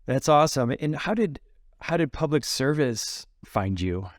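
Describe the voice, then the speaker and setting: A man's voice: mid-range voice, lively intonation, measured pace, dry recording, studio quality. A man hosting a podcast interview, encouraging his guest with short affirmations. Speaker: podcast host. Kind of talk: casual interview questions.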